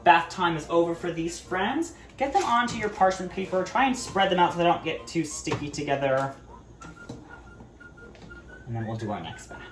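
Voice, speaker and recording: A man's voice: a little high, expressive, normal speed, roomy sound. A man hosting a casual cooking demonstration in a kitchen, upbeat and chatty, calling his viewers friends. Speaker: cooking video host.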